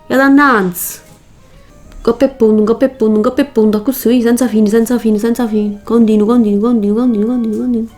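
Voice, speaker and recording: A woman's voice: fairly high pitch, steady tone, a little fast, a little mellow. A woman with a Neapolitan Italian accent giving a casual, chatty makeup tutorial in dialect, colloquial and emphatic, often repeating herself for stress. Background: music.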